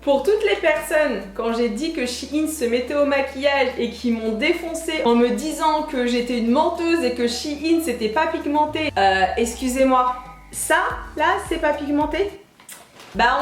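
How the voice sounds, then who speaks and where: A woman's voice: high voice, echoey room. A young woman chatting enthusiastically through a beauty unboxing, gushing over each product. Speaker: beauty vlogger. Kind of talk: casual unboxing chat.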